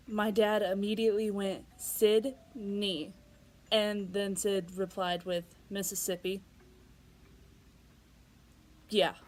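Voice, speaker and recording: A woman's voice: mid-range voice, rough recording. A young woman vlogging casually, chatty and giggly, with many fillers and restarts. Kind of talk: casual vlog storytelling.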